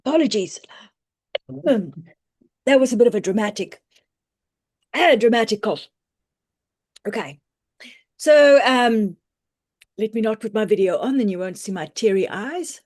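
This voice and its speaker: A woman physician teaches on a video call, her voice hoarse and croaky. She explains clinical points in a practical, reassuring way. Her delivery is loose and conversational. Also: on the high side, animated, unhurried, pauses often, a little mellow. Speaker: family physician presenting a webinar. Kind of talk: online medical teaching talk. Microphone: computer mic on a video call.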